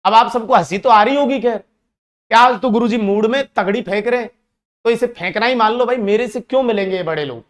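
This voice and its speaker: A man's voice: very high-pitched, fairly quick. Man, teacher, exam-prep lesson, asks and answers his own questions, repeats key terms.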